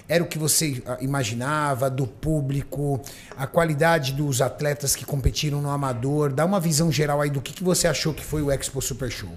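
A man's voice: on the high side, a little fast, a little hiss or hum. A man hosting a podcast, steadily guiding the talk with questions. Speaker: podcast host.

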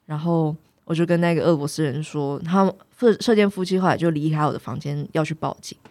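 A woman's voice: low voice, fairly even intonation, quick pace, darkish tone, dry recording. A young woman casually telling a story on a chat podcast, acting out the people in it and laughing often.

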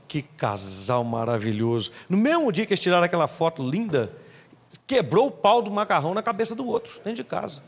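A male pastor delivers an emphatic sermon, his voice riding high and swinging widely in pitch. He acts out little quotes along the way. The church hall adds a long, trailing reverb.

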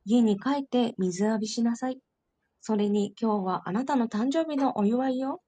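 A woman's voice: fairly high pitch, moderate pace, dark tone, close to an everyday voice. A woman reader voicing a loving, doting mother who coaxes her young son to come home, in a fond, motherly tone. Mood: scolding fondly. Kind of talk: storybook reading.

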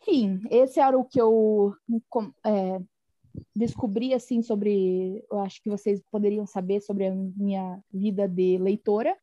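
A woman's voice: medium pitch, fairly even intonation, measured pace, mellow, lo-fi sound, slight background noise. A woman from Brazil co-hosting a casual podcast chat, talking in a chatty way with many restarts and frequent laughs. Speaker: podcast co-host.

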